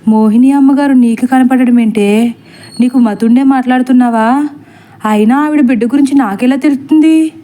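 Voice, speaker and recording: A woman voicing a rough village servant man who shouts and stammers with fear. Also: high voice, normal speed, close to an everyday voice. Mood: alarmed. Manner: loud, rustic, stammering when afraid. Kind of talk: storybook acting.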